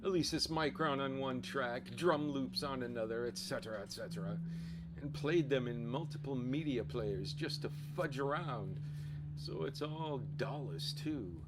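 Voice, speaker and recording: A man's voice: medium pitch, a little slow, very noisy. A man giving an overly dramatic scripted reading in the manner of a hammy stage actor. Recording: music playing behind the voice. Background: loud music.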